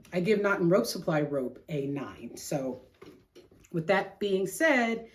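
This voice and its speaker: A woman's voice: sits low, warm tone. A middle-aged woman hosting a craft vlog, chatting casually in a rambling, slangy way with self-deprecating humor. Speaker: craft show host.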